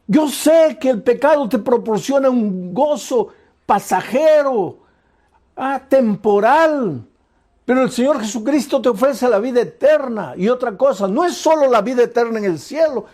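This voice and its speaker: High-voiced impassioned male preacher. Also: expressive, measured pace, darkish tone. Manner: impassioned, builds repetitive lists. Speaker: pastor. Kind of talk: sermon.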